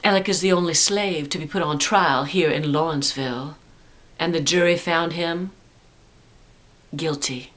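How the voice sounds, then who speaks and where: A woman guide narrating a ghost story in a theatrical, deliberate way that drops into a spooky hush. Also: deep voice.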